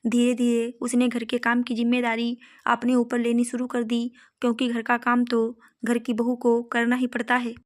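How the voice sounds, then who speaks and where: A woman narrates a moral story in a steady, scripted way. Her voice sits fairly high, with almost no rise and fall. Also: normal speed.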